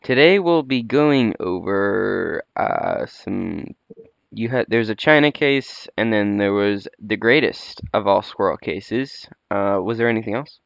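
Low, creaky-voiced young man co-hosting a podcast. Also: expressive, measured pace, dry recording. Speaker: podcast co-host. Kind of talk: casual chat. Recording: dull, lo-fi close recording.

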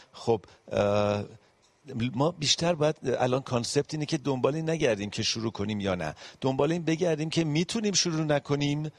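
A man giving a medical panel lecture on cardiology, explaining step by step with frequent pauses and English medical terms mixed in. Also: medium pitch, creaky, no room sound. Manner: mixes English medical terms into his speech.

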